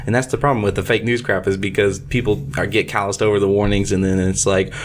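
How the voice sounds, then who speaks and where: A man's voice: fairly low pitch, little pitch movement, quick pace, slight background noise. A man, co-hosting a podcast in casual chat and telling rambling, folksy stories. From Illinois, US. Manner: rambling storyteller, folksy phrasing. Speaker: podcast co-host.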